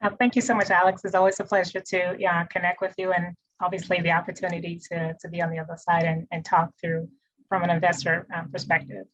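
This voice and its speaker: A woman from the Bahamas, a guest on a podcast, chatting in a relaxed way with many fillers. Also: on the low side, fast talker, no room sound, rough recording. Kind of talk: casual interview chat.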